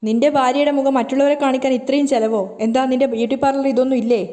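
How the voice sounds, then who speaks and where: A woman's voice: sits high, fairly even intonation, fast talker, mellow, close to an everyday voice. Woman reading as a hot-tempered young man. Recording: long roomy reverb.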